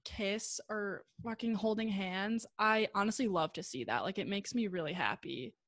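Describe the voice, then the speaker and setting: A woman's voice: medium pitch, moderate pace, a bit bright, dry recording, studio quality. A young woman co-hosting a podcast, talking casually, full of "like", swearing freely and laughing often. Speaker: podcast co-host. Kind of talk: casual chat.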